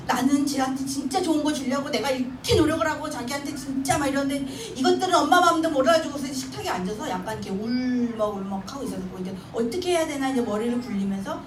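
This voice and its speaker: A high-voiced, middle-aged woman lectures to a church class and acts out stories of mothers and children with lively energy. Her voice carries from a distance through an echoey hall with noticeable background noise. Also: fast talker, hardly any pauses. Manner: animated storytelling, acting out child and mother dialogue, frequent laughter. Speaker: Bible memorization instructor.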